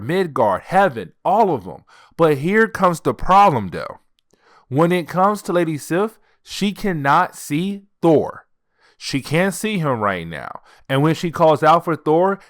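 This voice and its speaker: A man's voice: a little high, no room sound, clean studio sound. A man hosting a comic book channel, retelling a story in a loose, conversational way. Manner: conversational, retells dialogue loosely in plain speech. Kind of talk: casual comic story recap.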